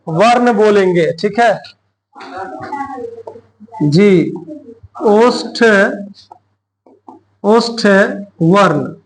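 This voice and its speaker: A man, teaching grammar slowly in a classroom style, repeating phrases and answering his own questions. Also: very high-pitched, rough recording. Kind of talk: slow classroom explanation with questions to students.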